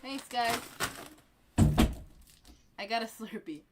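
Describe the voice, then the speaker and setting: A woman's voice: fairly high pitch, expressive, slow pace, very noisy. A young woman streaming live, chatting casually in a bubbly, rambling way with lots of laughter and fillers. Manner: bubbly, giggly, rambling with many ums.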